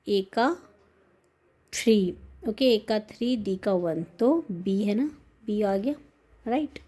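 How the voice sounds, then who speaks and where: A woman teacher running through exam questions, reading the English slowly and explaining in Hindi mixed with English, often checking in with her students. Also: on the high side, mellow. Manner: checks in with "है ना?" and "okay". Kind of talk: exam-prep lesson.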